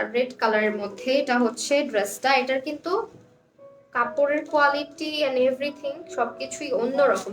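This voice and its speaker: A woman hosting a live clothing sale, chatting casually, reading out viewers' comments and names, and slipping English words into her talk. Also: high voice. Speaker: online clothing seller on a live stream. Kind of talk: casual live-stream sales chat.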